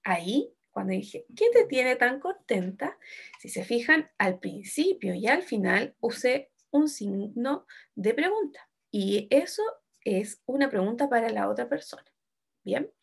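A woman teaching an online class to young children. Her fairly high voice swoops up and down as she acts out example sentences with feeling. Her tone has a gravelly, husky edge. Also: lively intonation, a little slow. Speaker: primary school teacher.

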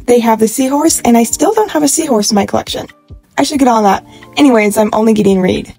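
A woman in her twenties talking casually and excitedly to a phone camera while shopping in stores. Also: a little high, fast, husky, soft background music. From California. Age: 20s. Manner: gushing, excitable, chatty. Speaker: vlogger. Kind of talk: casual shopping vlog narration. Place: in stores with background music, holding a phone.

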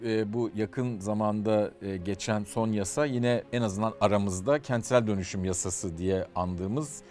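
Low-voiced man asking hesitant questions. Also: measured pace, dark tone, faint music behind. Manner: hesitant questions with filler sounds. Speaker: interviewer. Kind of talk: interview.

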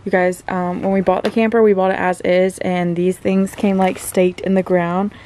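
A woman's voice: on the low side, flat delivery, normal speed, warm tone. A woman in her twenties chatting casually to a handheld camera as a vlogger, rambling along with lots of "like" fillers. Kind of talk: casual vlog chat to camera. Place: inside a car and outdoors at a campground. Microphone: handheld camera at arm's length. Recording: noisy car and outdoor ambience.

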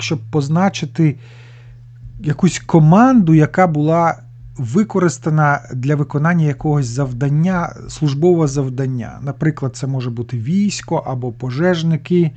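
A man's voice: on the high side, normal speed, dark tone, highs cut off. A man teaching a language lesson, patiently explaining grammar and word meanings step by step, with small restarts.

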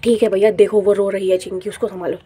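A woman's voice: mid-range voice, flat delivery, fast, dark tone, a little hiss or hum, close to an everyday voice. A woman voicing a cheerful young boy in a toy play story, talking eagerly and comfortingly. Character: cheerful young boy, loyal best friend.

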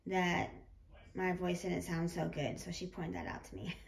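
Slightly hoarse, creaky woman vlogger. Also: fairly low pitch, animated, unhurried. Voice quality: slightly harsh, rough voice. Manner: informal, rambling, self-correcting. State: getting over a sickness, slightly hoarse. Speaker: doll collecting vlogger. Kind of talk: casual chatty hobby haul commentary. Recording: roomy echo with clear background noise.

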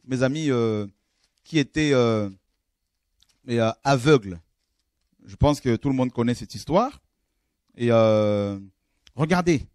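A male preacher giving a call-in sermon, fervent, rising from low murmurs to high exclamations, often repeating himself. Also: a little mellow, dry recording, clean studio sound. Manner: repeats and restarts phrases while addressing listeners.

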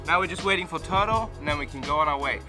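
A man's voice: a little high, very fast. A man in his twenties, a parkour vlogger, talking casually and playfully to a handheld camera outdoors on city streets. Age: 20s. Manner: upbeat, playful, joking. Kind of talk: casual vlog talk to camera. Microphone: handheld camera at arm's length. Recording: outdoor vlog with music over it. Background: background music.

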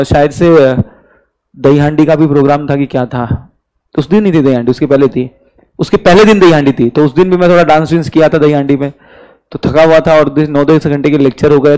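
A man's voice: a little high, a little mellow, rough recording. A man in his thirties with an Indian accent, a commerce exam tutor giving a casual live online lecture, chatty and teasing, with a mild fever. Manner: chatty, teasing, mixes Hindi and English. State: mild fever, recovering throat.

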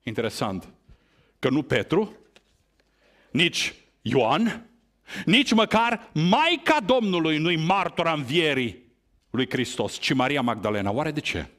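A man preaching a sermon, asking rhetorical questions and stressing his points with big rises and falls in pitch. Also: big pitch swings, long pauses, fairly bright tone. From Romania. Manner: emphatic, rhetorical questions, wide swings in pitch.

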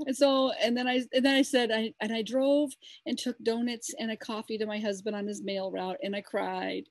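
A woman's voice: fairly high pitch, steady tone, moderate pace, dry recording. A middle-aged woman co-hosting a casual chat, telling a rambling, emotional story with many restarts. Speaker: co-host.

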